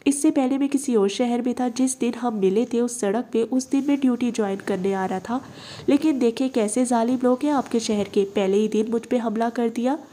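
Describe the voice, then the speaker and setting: A woman reading the part of a young police officer, speaking calmly, gently and earnestly. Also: a little high, moderate pace, lightly acted.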